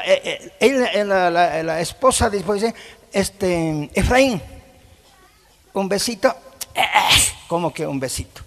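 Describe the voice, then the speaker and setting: A man's voice: fairly high pitch, gravelly. A middle-aged man preaching a sermon to a congregation, emphatic and often putting questions to his listeners, mixing in Quechua words. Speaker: pastor. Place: church congregation hall. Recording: long hall reverb.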